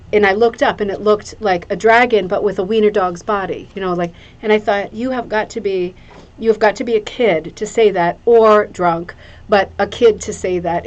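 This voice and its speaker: A woman's voice: mid-range voice, darkish tone. A woman hosting a craft show in a casual, chatty way, gushing and rambling, often repeating phrases for emphasis. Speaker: craft show host presenting viewers' hooked rugs.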